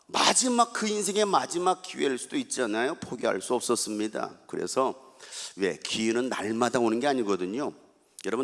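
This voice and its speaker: Guy pastor preaching hard, big swings up and down, echoing church hall. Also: mid-range voice. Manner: dramatic preaching, acts out a blind man's loud cries. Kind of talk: revival sermon. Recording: long church hall reverb.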